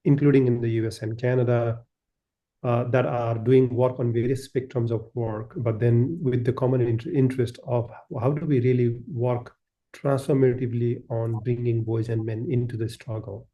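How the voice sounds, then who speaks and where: A man's voice: medium pitch, little pitch movement, normal speed, warm tone, lo-fi sound. A man from Nepal introducing himself on a panel, earnest and restarting phrases mid-sentence. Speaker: panelist, co-director of a network.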